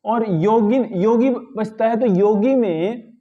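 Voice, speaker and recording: A man teaching a grammar lesson, repeating words slowly to correct their pronunciation and often checking in with his listeners. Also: sits high, dull audio. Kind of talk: spoken lesson.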